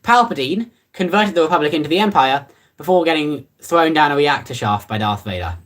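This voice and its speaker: Casual streamer with an animated, up-and-down delivery. Rambles offhand, dry and teasing. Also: mid-range voice, fairly quick. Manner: rambling and offhand, many fillers and restarts. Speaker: livestreamer. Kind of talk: casual livestream chat, reading comments.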